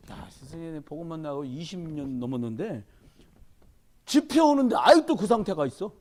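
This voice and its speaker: A man's voice: very high-pitched, darkish tone. A man preaching a sermon as the pastor at a Wednesday church service, urging and joking with the congregation.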